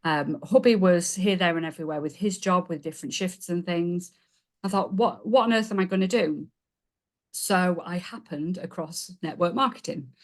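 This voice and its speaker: A business coach in her forties, Yorkshire-accented and on the low side in pitch, tells her story as a podcast guest at a moderate pace. The casual interview finds her warm and chatty, poking fun at herself and laughing along.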